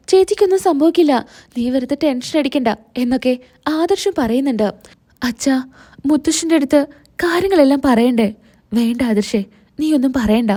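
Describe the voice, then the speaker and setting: Woman retelling a tv drama, high voice but soft dark tone, acts out the lines a bit. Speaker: storyteller retelling a TV serial. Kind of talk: casual storytelling narration.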